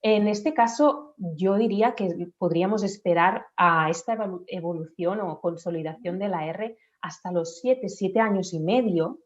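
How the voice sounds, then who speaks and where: Woman calmly explaining kids' speech sounds, muffled lo-fi audio. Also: on the low side, normal speed, few pauses. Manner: patient, methodical explaining, demonstrates sounds aloud. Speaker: speech therapist guest. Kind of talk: explanatory interview talk. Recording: dull lo-fi audio.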